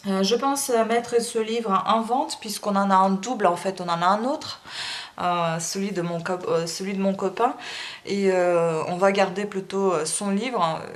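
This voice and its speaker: An audiobook reader with a medium-pitched voice, speaking a little slowly, reads from a classic novel in a non-native language; her first language isn't French. Afterward she talks hesitantly, using many fillers, and emotionally confesses that the reading made her cry.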